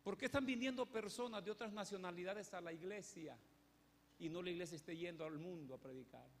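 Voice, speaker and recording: A man's voice: high-pitched, fairly quick, a little hiss or hum. A man preaching a sermon in a church, telling a story with emphasis and acting out its characters. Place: church hall. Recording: echoey church hall.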